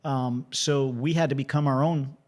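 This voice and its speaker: A man hosting a casual interview, telling animated stories and often restarting his sentences. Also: medium pitch, normal speed. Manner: animated storyteller, frequent restarts.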